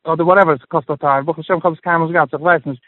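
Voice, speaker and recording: A man talking casually as an interview guest, halting with many restarts and dropping in English phrases. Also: fairly high pitch, fairly even intonation, dry recording. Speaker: guest sharing his personal budgeting story. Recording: tinny phone line.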